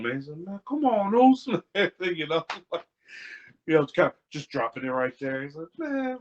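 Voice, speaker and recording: A young man, an interview guest, telling family stories in a casual way, laughing and doing lively voices for the people in them. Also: mid-range voice. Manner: laughing, animated impressions in retelling. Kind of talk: casual storytelling. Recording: dull lo-fi audio.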